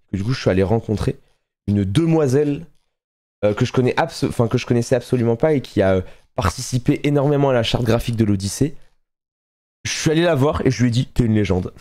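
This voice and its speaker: Excitable man chatting on a live stream. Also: mid-range voice. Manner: excitable, chatty, laughs often, swears casually. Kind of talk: casual live-stream chat.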